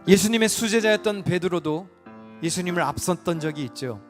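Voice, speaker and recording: A man's voice: sits high, animated, brisk. Emphatic male pastor in a reverberant church. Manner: emphatic, swinging between loud stresses and hushed asides. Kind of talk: sermon. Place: church sanctuary. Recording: long church reverb with soft music behind.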